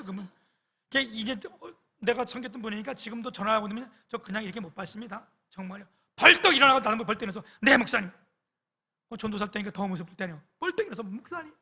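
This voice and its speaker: A man's voice: sits high, sharp tone. A middle-aged male pastor preaching a sermon, telling a personal story with emotional swings and acted-out quotes.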